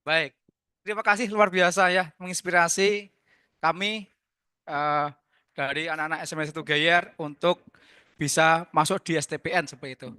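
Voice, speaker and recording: Middle-aged Javanese-accented male teacher, lively chatty Zoom host, high crisp voice. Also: normal speed, dry recording, studio quality. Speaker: teacher hosting a school Zoom session. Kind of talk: casual hosting over Zoom.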